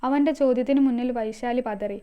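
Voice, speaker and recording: A woman's voice: a little high, fairly quick, clear, resonant tone, muffled recording. A woman narrating a scripted story, reading all the characters herself. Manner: reads all characters herself, mostly in her own voice.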